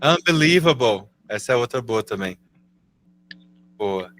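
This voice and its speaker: A Brazilian man with a Brazilian Portuguese accent teaches English in a live online class, speaking in an animated, fairly bright medium-pitched voice. Patient and encouraging, he draws out example words slowly as faint music plays behind him.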